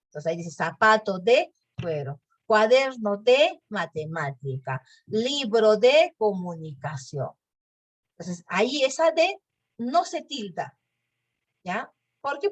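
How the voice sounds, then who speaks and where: A woman teacher explaining a spelling lesson patiently, often checking in with her students. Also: mid-range voice.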